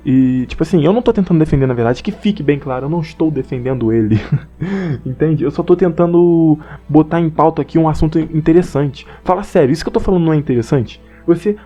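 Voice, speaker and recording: Warm in tone and fairly high in pitch, a young man with a Brazilian Portuguese accent offers a rambling, slangy anime commentary, partly read from notes.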